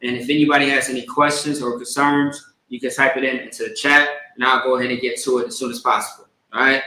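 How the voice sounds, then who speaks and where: A priest leads a live-streamed online religious service, teaching and repeatedly checking in with short tags like "all right?" and "okay?". His mid-range voice is fast, bright and forceful with little pitch movement, recorded in an echoey room.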